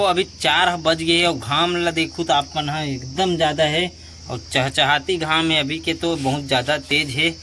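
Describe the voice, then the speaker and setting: A young man with a Chhattisgarhi accent hosting a casual village vlog, talking in a playful, loud, teasing way. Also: on the high side, a little hiss or hum. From Chhattisgarh, India. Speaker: vlogger.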